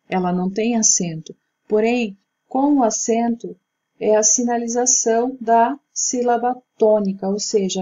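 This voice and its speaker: Woman, teacher, patient explaining, husky, mellow tone. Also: mid-range voice, dull audio. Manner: slow, patient explaining with slides. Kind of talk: recorded Portuguese grammar lesson.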